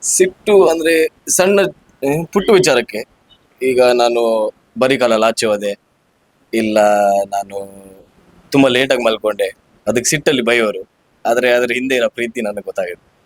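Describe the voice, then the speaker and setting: A young man being interviewed about family memories, speaking haltingly with many pauses. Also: medium pitch, no echo, rough recording. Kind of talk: casual interview reminiscence.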